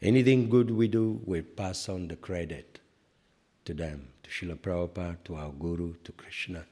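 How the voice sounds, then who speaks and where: An older man with a deep, low voice teaches a relaxed spiritual class. He wanders through stories, filling his talk with "you know" and chuckling at his own self-mocking jokes. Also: moderate pace. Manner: rambling, anecdotal, many "you know" asides; self-deprecating humor, laughs at own jokes. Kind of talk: informal scripture class sermon.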